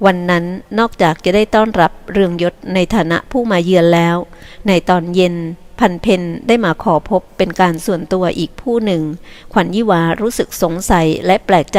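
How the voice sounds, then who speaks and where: A woman narrating a novel audiobook in a calm, even storytelling voice. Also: mid-range voice.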